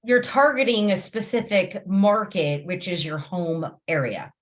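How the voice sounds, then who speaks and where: A woman's voice: mid-range voice, expressive, measured pace. A woman hosting a casual group discussion on a video call, moderating as a realtor trainer.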